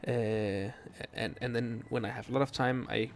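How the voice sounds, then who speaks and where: This mid-range male voice, touched with vocal fry, belongs to a young Dane who isn't a native speaker. He's streaming a game and talking loosely with his audience, easygoing but stop-and-start, full of ums and restarts, over faint game music.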